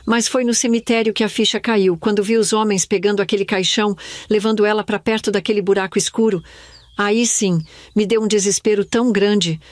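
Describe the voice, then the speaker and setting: An older woman from Brazil telling a sad childhood memory in first person, in a slow, somber storytelling manner. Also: mid-range voice, fairly even intonation, no echo. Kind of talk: scripted first-person narration.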